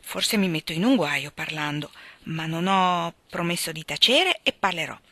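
Woman voicing a good-natured teasing teen boy in a storybook reading; low-set, bright, playful. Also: lively intonation, normal speed, no echo, heavily acted.

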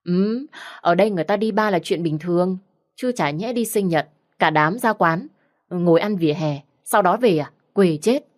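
A woman voicing a pushy, cheerful young female friend who wheedles and bosses loudly in a storybook reading. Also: fairly low pitch, normal speed, lightly acted. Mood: teasing. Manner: wheedling, bossy, loud.

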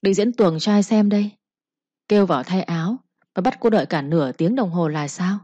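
A woman's voice: lowish voice, lively intonation, brisk, warm tone, dry recording, lo-fi sound. A woman voicing a harsh young mistress who scolds and threatens her servant with contempt. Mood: furious.

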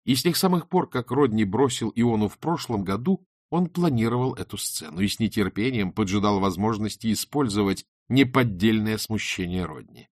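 A man's voice: lowish voice, moderate pace, few pauses, no room sound, clean studio sound. A man narrating an audiobook expressively, acting out every character. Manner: expressive, theatrical. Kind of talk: audiobook reading with character voices.

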